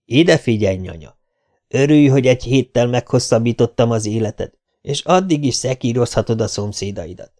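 A man's voice: mid-range voice, animated, a little mellow, lightly acted. A man voicing a cheeky, sarcastic man taunting an old woman. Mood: cocky. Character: cocky naked man mocking an old woman.

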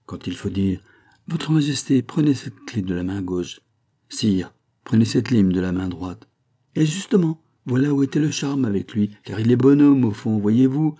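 A man's voice: mid-range voice, animated, normal speed, warm tone, close to an everyday voice. A man voicing a jovial, boastful locksmith near fifty in a read-aloud novel. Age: middle-aged. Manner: chatty, boastful, laughing.

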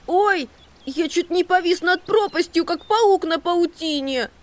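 A reader voicing a restless, easily frightened little boy mouse who is afraid of heights, in an audiobook. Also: natural voice. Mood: flustered. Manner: excitable, high and quick to complain. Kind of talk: audiobook character voice.

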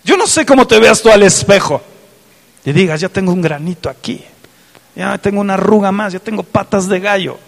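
A man's voice: high-pitched, brisk, vocal fry, in a large hall. A man preaching a fervent sermon, reading scripture aloud and asking his listeners direct questions. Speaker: pastor.

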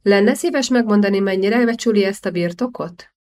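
A woman's voice: medium pitch, darkish tone, close to an everyday voice. A woman reading the lines of a bold young man who angrily rebukes a cheating official. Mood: indignant. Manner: cutting, righteous rebuke.

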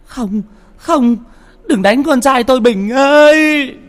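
A man's voice: extremely high pitch, takes it slowly, pitched above the performer's own voice. A man voicing a grief-stricken old mother who shrieks and sobs in a sing-song lament. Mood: wailing terror.

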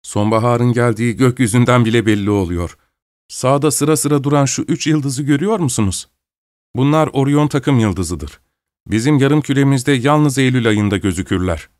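A man's voice: medium pitch, normal speed, a little mellow, no echo, studio quality, natural voice. A man voicing a polite young male student making courteous small talk. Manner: courteous, chatty.

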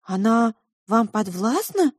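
A woman's voice: on the high side, very animated, slow pace, darkish tone, husky, dry recording, studio quality, pitched above the performer's own voice, full character voice. A woman voicing a bold, precocious young girl who speaks in a pert, outspoken way.

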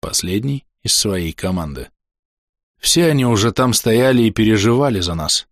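A man narrating an audiobook in first person, measured and dramatic. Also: on the low side, expressive, dry recording, studio quality. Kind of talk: scripted narration.

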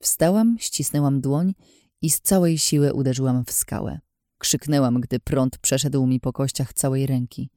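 A man's voice: mid-range voice, moderate pace, dark tone, no room sound, clean studio sound. A man reading a fantasy audiobook aloud in the first person, with a tense, dramatic delivery. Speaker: audiobook narrator. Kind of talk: scripted audiobook narration.

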